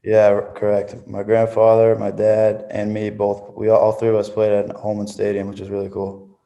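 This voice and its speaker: A young man from Maine, a baseball player answering interview questions in a relaxed, casual way. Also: lowish voice, moderate pace, vocal fry, lo-fi sound. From Maine, USA.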